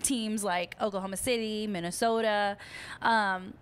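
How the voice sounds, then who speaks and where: A woman's voice: medium pitch, moderate pace, a bit bright. Upbeat woman talking sports. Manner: upbeat, chatty, laughs easily. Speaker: podcast co-host. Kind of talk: casual sports talk.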